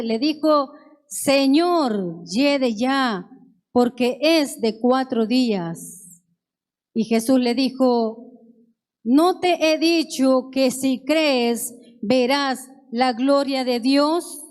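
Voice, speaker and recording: A woman's voice: sits high, darkish tone. A woman preacher in church, reading Bible verses aloud one by one and then explaining them earnestly.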